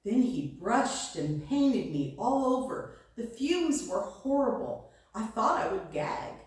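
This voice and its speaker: A woman reading a devotional story aloud in a gentle storytelling manner. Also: on the high side, sing-song, slow, very echoey, recorded from a distance. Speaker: devotional reader. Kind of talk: slow read-aloud devotion.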